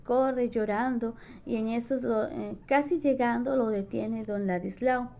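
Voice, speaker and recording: A woman's voice: fairly high pitch, fairly even intonation, unhurried, vocal fry, darkish tone. A young woman, a student retelling a novel's plot in a book summary with frequent restarts. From Peru. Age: young adult. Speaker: education student.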